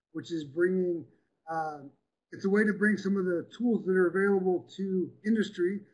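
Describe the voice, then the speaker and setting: Fast-talking upbeat man, high voice. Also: rough recording. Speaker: presenter. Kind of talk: casual online presentation.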